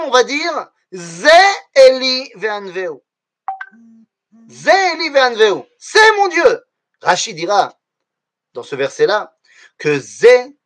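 A man teaching a lesson to his students, explaining things step by step and often throwing questions back at the class. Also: sits high. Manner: animated, asks the class rhetorical questions.

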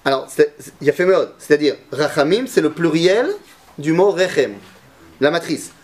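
A man's voice: on the high side, normal speed, a little mellow. A man teaching a Torah lesson to a class, asking his students questions and mixing Hebrew terms into his talk.

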